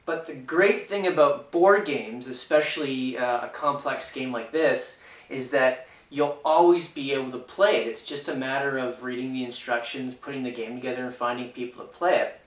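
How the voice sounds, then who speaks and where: A man's voice: mid-range voice, moderate pace. A man giving a casual, unscripted board game review, hesitant and full of fillers and restarts. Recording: echoey room, mic far off.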